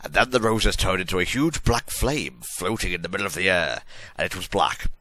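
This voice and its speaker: A man's voice: low-pitched, lively intonation, fairly quick, sharp tone, no room sound. A man giving a comic dramatic reading of a story in a hammy, theatrical stage-actor manner with exaggerated emphasis. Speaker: reader of a fan fiction story.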